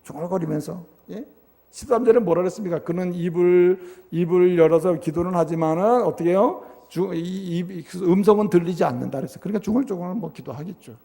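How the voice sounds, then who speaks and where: A male pastor preaching a sermon in a church, emphatic and animated, often turning to the congregation with quick rhetorical asides. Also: high-pitched, creaky, big-room sound. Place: church sanctuary.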